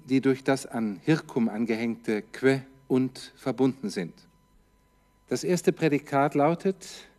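A man's voice: medium pitch, a little mellow. A man teaching a Latin translation lesson, parsing each word step by step and asking himself questions before answering them. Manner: parses grammar line by line.

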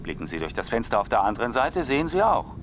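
A man's voice: mid-range voice, big pitch swings, fast, lightly acted. A man playing an airline captain who makes formal flight announcements to the passengers, with a dry, joking edge. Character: male airline captain making cabin announcements. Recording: clear vehicle engine noise behind.

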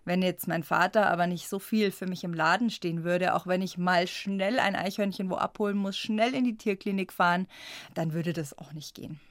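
A woman's voice: on the low side, normal speed, no room sound, studio quality. A woman from the Munich area, a guest in a radio interview, telling her story in a chatty way and laughing often. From Munich area, Germany. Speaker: guest, squirrel rescuer.

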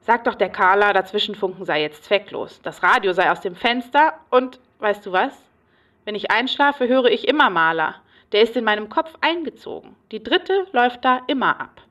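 A woman's voice: mid-range voice, lively intonation, normal speed, a bit bright, distant mic, lightly acted. An agitated, paranoid patient, played by a woman, rambles and repeats herself obsessively in a radio play monologue. She is recorded a little way back from the microphone. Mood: rambling.

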